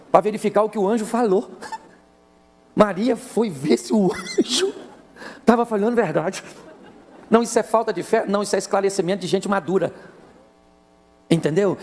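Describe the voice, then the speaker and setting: Gravelly, high-voiced Brazilian preacher. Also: male voice. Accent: Brazilian Portuguese. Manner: jokey, animated storytelling. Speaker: pastor. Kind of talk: humorous sermon.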